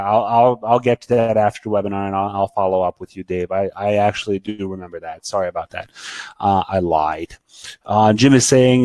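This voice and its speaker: A lowish, fairly flat male voice hosts a casual online webinar, stopping and restarting often with fillers as he reads out questions and clicks through a demo. The sound is dry and close, recorded on a desk mic. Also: no echo. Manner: halting, many fillers and repeated words, reads out attendee questions. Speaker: webinar host answering product questions.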